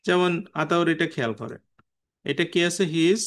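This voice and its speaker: A man's voice: fairly high pitch, normal speed, fairly bright tone. A man teaching an online class, patiently explaining and quizzing students by name. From Bangladesh.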